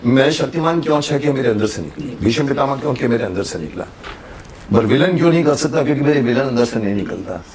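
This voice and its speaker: A man's voice: mid-range voice, animated, quick pace, darkish tone, a little hiss or hum. An older man hosting an interview, mixing Hindi and English and acting out dialogue lines with shifting emphasis. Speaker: talk show host. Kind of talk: conversational interview with a film guest.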